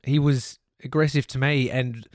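A man's voice: medium pitch, steady tone, moderate pace, no echo, clean studio sound. A man with an Australian accent hosting a podcast, telling a personal story in a candid, rambling way and swearing freely. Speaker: podcast host. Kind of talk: casual storytelling monologue.

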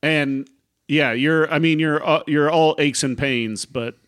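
This game master for a tabletop role-playing game speaks with a fairly high, fairly bright voice. He improvises his narration haltingly, frequently groping for the right words while laying out each scene.

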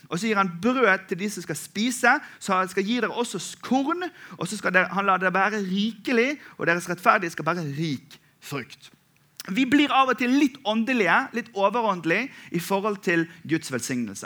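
A man in his thirties from Western Norway preaching a sermon in an animated, humorous, conversational way, often checking in with the congregation. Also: high voice. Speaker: pastor.

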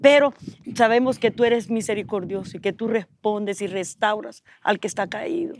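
A woman's voice: medium pitch, moderate pace. A woman pastor in a conversational bible teaching, speaking in an affirming, prayerful way.

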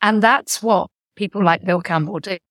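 A woman's voice: medium pitch, normal speed, dry recording. Reflective woman founder, dry close sound. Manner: reflective, animated when retelling stories. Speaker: guest, founder and author. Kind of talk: conversational interview.

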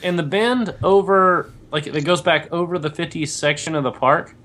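Young guy chatting casually, kinda high voice, lots of ums and restarts. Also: moderate pace, a bit bright. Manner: rambling, full of fillers and restarts. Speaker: podcast co-host. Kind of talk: casual chat.

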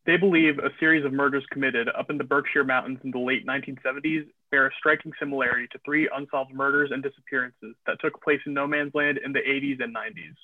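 A man co-hosting a podcast, reading scripted narration briskly over a tinny video-call connection. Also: mid-range voice, fairly even intonation, no echo. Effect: tinny video-call audio. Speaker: podcast co-host. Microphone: remote video call.

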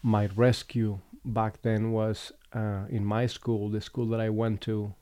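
A man from Colombia hosting a relaxed conversation, speaking reflectively with frequent pauses and restarts. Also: lowish voice, clear, resonant tone, dry recording. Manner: reflective, unhurried, with fillers and restarts. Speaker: podcast host. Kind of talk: casual conversation.

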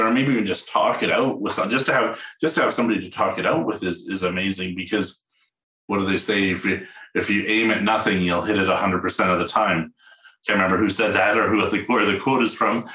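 A man's voice: lowish voice, fairly quick, bright, forceful tone, reverberant, low-quality recording. A man from Edmonton hosting a podcast, upbeat and casual, often repeating words as he talks. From Edmonton, Canada. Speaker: podcast host, realtor. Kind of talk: podcast interview.

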